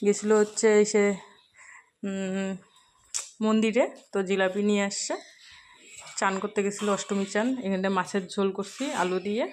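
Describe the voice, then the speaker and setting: A woman's voice: mid-range voice, little pitch movement, normal speed, long pauses, darkish tone, slight background noise. A young woman vlogging casually on her phone at home, chatting to viewers as she does housework. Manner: chatty, talks directly to viewers while doing housework. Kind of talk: casual daily-life vlog. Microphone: mobile phone.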